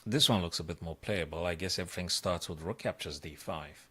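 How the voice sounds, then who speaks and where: Talking fairly quickly, a man whose very low voice has a breathy edge solves chess puzzles on a live stream. His thinking-aloud comes in short bursts with repeated phrases and excited outbursts, like a coach calculating each move live.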